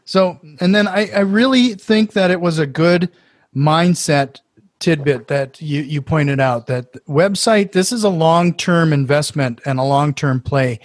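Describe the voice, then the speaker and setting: Recorded with studio quality and no echo, a man with a Norwegian accent hosts a laid-back podcast interview. His voice is slightly high and a bit slow, and his eager delivery is packed with restarts and filler words.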